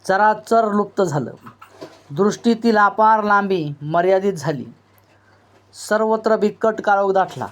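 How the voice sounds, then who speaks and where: Higher-pitched man reading a novel aloud. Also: a bit bright. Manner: measured, literary storytelling delivery. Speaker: narrator.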